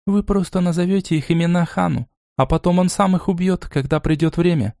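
A man voicing a weary, evasive female elf captive in a raised, soft, tired voice. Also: high-pitched, a little fast, vocal fry, no echo, studio quality, voice pushed up.

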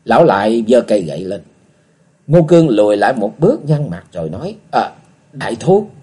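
A man narrating a martial arts novel as an expressive audiobook reader. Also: lowish voice, fairly quick, husky. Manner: expressive storytelling, acting out characters. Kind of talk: scripted narration.

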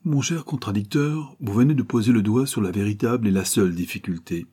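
A fearless, chivalrous adventurer, played by a male narrator who meets every objection with calm irony. His lines sit a little higher than the reader's low, dark, husky voice. It is a storybook reading. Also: a little fast. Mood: confident, gracious. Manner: gracious, ironic, confident. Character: bold gallant male adventurer, ironic and fearless.

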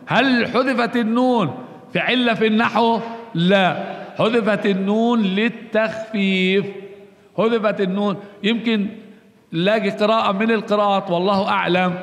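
A man teaching a grammar lesson, explaining slowly and repeating points, posing questions and answering them himself. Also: high-pitched, fairly even intonation. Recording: long reverb, roomy hall.

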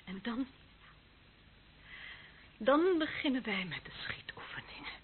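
A slightly high, sing-song female voice at a measured pace plays a lonely, embittered young policewoman and former death squad member in a radio drama. Her bitter taunts carry a cold menace and often fall to a whisper, on a clearly noisy old recording with a muffled, phone-like sound.

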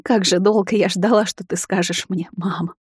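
Soft hushed mother, as a woman reads her. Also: on the low side, steady tone, measured pace, husky, dry recording, studio quality. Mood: tender. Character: gentle emotional human mother.

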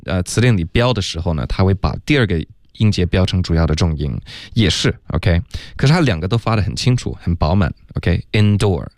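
In a radio studio, a man with a low-pitched voice patiently explains English pronunciation one step at a time. He says "OK" and "嗯" frequently. The recording is dry and has studio quality.

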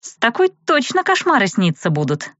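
A woman's voice: on the high side, huge pitch swings, normal speed, a bit bright, no room sound, dull audio, pitched above the performer's own voice. A woman voicing a sleepy, blunt young female roommate who yawns as she talks, in an audiobook. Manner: sleepy, yawning.

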